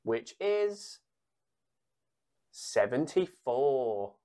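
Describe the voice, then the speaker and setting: A woman calling numbers like a bingo caller for children, reading out sums, pausing before each answer and repeating digits. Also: rumbling low, sing-song, mellow. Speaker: bingo caller for a children's times tables game.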